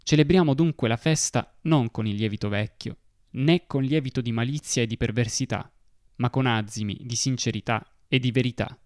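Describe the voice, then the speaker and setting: A man giving a slow, solemn devotional reading. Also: medium pitch, a little mellow, no room sound, studio quality.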